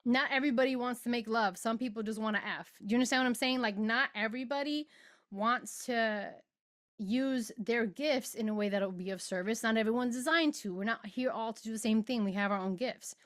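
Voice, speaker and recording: Middle-aged woman, podcast host, earnest spiritual talk, slightly high voice, drawn-out emphatic phrasing. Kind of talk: reflective spiritual monologue.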